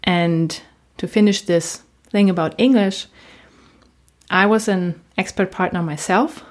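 A native German speaker who works as a coach hosts a podcast, addressing her listeners directly in a conversational solo presentation. She speaks with a German accent in a slightly low-pitched voice, a little slowly and with fairly even intonation.

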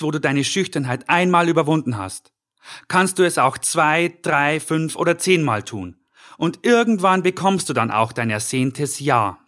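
Male podcast coach, fairly high voice, calm and encouraging, scripted address to the listener. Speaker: podcast host and personality coach. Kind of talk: scripted self-help podcast monologue.

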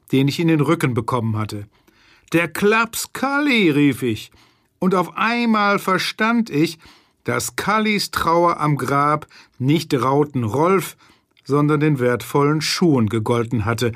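A man reading a crime story aloud in a lively narrating manner. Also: on the high side, dry recording, clean studio sound. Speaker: reader. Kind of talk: audiobook reading.

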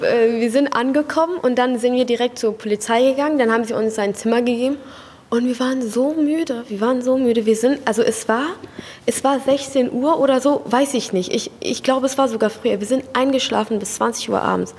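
A woman's voice: on the high side, fairly quick, darkish tone, in a large hall, a little hiss or hum. A young woman from Afghanistan answering interview questions earnestly and thoughtfully, with frequent fillers. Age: young adult.

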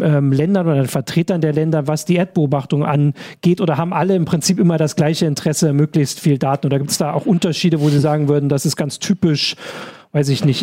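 Male livestream host; warm tone, slightly high pitch, loose rambling delivery. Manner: rambling questions with fillers. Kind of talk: live interview hosting.

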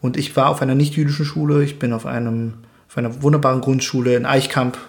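A young man from Germany, speaking as an interview guest in a thoughtful, measured way with occasional hesitations. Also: medium pitch, fairly even intonation. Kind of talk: earnest interview conversation.

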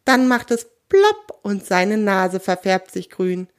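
A woman narrates a children's story with gentle, expressive warmth. Her voice stays mid-pitched but moves freely and lively through each sentence. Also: slow. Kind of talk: children's audio story reading.

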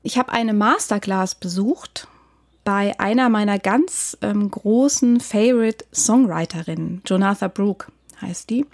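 A woman's voice: medium pitch, unhurried, a little mellow, no echo, clean studio sound. A woman songwriter answering interview questions, explaining her craft thoughtfully and at length with examples. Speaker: songwriter and singer.

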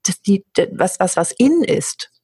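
A woman working as a communication coach, speaking in an interview in a lively, frank way and often acting out what other people say. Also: medium pitch, measured pace, husky, dry recording, clean studio sound. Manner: animated, acts out other people's remarks; frank, casual wording. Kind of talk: interview conversation.

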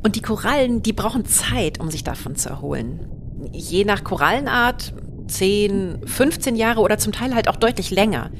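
A woman's voice: medium pitch, animated, moderate pace, background noise. A woman co-host presenting a travel podcast in a chatty, explanatory, conversational way. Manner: chatty, explanatory, with tag questions.

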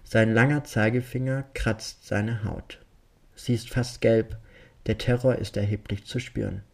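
Low-voiced man narrating a dark story. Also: steady tone, measured pace, creaky.

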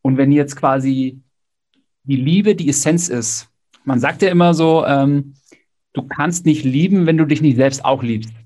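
Podcast host guy musing out loud, lots of ums and kinda-words. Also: medium pitch, unhurried. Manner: reflective, hedging with fillers. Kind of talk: casual podcast conversation.

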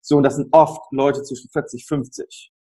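A man who runs a care service, talking about end-of-life care in an animated conversation. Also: medium pitch, moderate pace. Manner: animated storytelling, acts out quoted people. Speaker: palliative care service provider. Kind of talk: conversational interview.

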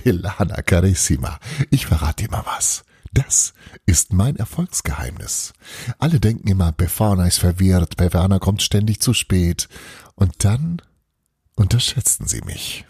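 A man's voice: low voice, animated, unhurried, creaky, a little mellow, slightly rough, dry recording, studio quality, full character voice. A man voicing a scheming, flighty old witch mother who drops Italian words into her teasing talk. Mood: sly.

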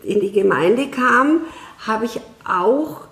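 A woman guest in a conversational interview, speaking in a measured, thoughtful way with frequent hesitations. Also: on the high side, lively intonation, a bit bright, reverberant.

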